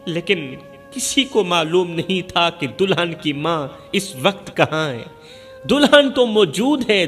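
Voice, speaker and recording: A high-voiced man tells an emotional religious story and repeats his lines for effect. His voice rings with a long hall reverb. Faint music runs underneath. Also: bright, forceful tone.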